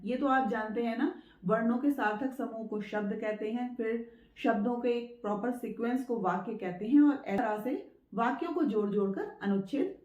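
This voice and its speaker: A woman teaching a spoken writing lesson, patiently repeating her points, checking in with listeners and sounding out words slowly syllable by syllable. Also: a little high, darkish tone. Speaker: Hindi teacher. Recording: echoey room, dull lo-fi sound.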